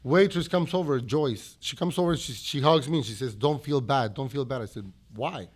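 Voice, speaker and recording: Mexican-accented man telling lively stories. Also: mid-range voice, breathy edge. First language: Spanish. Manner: animated storyteller acting out quotes, halting restarts. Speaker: restaurant owner, guest. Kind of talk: storytelling interview.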